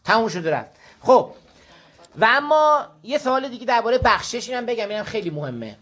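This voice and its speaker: A man's voice: very high-pitched, sing-song, pushed and bright. A man from Iran giving an informal moral talk on parenting to a group, telling stories and often checking that listeners follow. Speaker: speaker advising a group on parenting. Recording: dull lo-fi recording.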